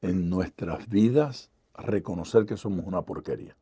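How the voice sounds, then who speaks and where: A pastor hosting an interview, mostly giving short affirming interjections. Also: male voice, low voice, moderate pace, dark tone, breathy edge. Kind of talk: casual chat.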